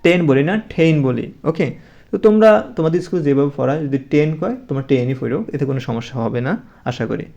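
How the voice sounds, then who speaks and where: A man's voice: mid-range voice, quick pace, creaky, dark tone, dull audio. A man giving a casual spoken English lesson to young pupils, repeating numbers patiently and often checking with "okay?".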